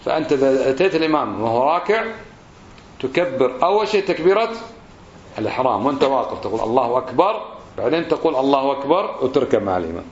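A man teaches prayer at a steady, mid-pitched level. He drags phrases out slowly to demonstrate them and keeps asking his listeners questions. The recording is roomy and slightly dull. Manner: asks the listeners rhetorical questions. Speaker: religious teacher. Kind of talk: lesson on prayer.

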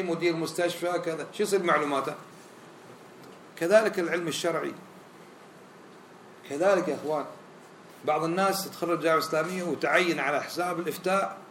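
A man preaches, talking fast and with a fairly high voice. He acts out the people he quotes. The room gives his voice an echo, with faint sound behind it. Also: a bit bright, slight background noise. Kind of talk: sermon. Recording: roomy echo, faint ambience.

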